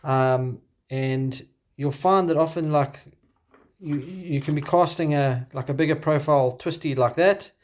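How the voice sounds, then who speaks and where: South African man, halting casual delivery. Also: fairly high pitch, a little mellow. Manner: halting, hesitant phrasing. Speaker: kayak angler presenting his gear. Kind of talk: casual unscripted show-and-tell.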